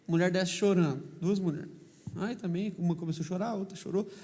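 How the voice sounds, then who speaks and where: High-voiced animated preacher in a hall. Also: male voice, brisk, a little hiss or hum. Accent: São Paulo Brazilian Portuguese. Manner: humorous, animated, questions the congregation. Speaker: pastor. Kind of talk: lively preaching with stories. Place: church hall.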